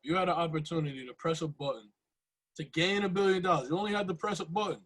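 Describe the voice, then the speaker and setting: Young man, higher-pitched casual podcast host. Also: fast talker, a crowd in the background, poor audio. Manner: slangy, repeats phrases for emphasis. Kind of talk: casual conversational podcast talk.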